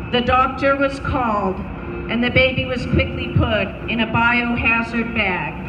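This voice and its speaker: Slow, solemn woman giving a speech. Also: on the high side. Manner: solemn, deliberate storytelling. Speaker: public speaker, anti-abortion counselor. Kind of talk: prepared memorial speech. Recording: roomy, distant mic, noisy ambience.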